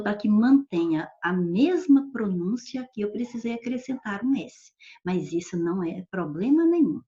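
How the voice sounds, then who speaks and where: A woman teacher with a Brazilian Portuguese accent explaining grammar in a recorded lesson, often checking understanding with quick tag questions. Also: medium pitch, warm tone, dull audio.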